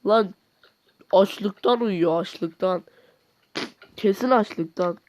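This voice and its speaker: A man's voice: high-pitched, extremely slow, noisy background. A man giving a comic voice-over commentary, joking and mock-exasperated as he talks to himself. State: nauseous near the end. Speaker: video commentator.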